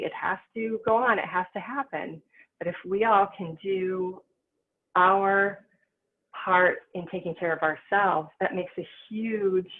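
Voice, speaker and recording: A woman giving a calm, chatty spiritual teaching on a livestream, reading the chat and telling family stories. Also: lowish voice. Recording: tinny phone-like line with faint noise.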